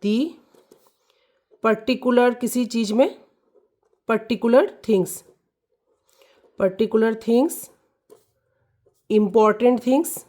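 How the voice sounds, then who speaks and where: A woman explains a grammar lesson to children at an unhurried pace. She repeats words over and over and keeps checking that they follow. Her voice sits a little high. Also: mellow. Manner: repeats key words, checks "clear?" and "ठीक है". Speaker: teacher.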